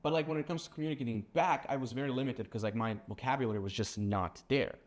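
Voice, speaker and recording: Fast-talking and mid-range in pitch, a young sales agency co-founder from Serbia shares stories in a relaxed business conversation. His Serbian accent comes through, and his animated storytelling is heavy on "bro" and "like."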